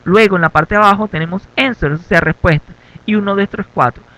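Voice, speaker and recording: A Venezuelan man teaches an English lesson in Spanish in a classroom, walking through instructions step by step and checking in with "ok" over and over. His voice is high-pitched, slightly fast, pushed and bright, and the recording quality is low.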